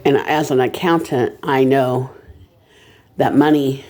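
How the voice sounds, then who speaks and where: Casting: amateur vlogger, mid-pitched voice, unhurried delivery, casual but nervous, halting and rambling. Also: steady tone, darkish tone. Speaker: reseller making a first video. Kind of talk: casual vlog monologue.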